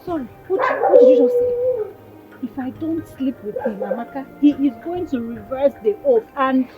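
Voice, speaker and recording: A frantic high-voiced village woman. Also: animated. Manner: agitated, talks fast, stammers. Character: frantic young village woman, angry and scared. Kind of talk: Nollywood film acting. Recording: dull film audio under music. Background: film score.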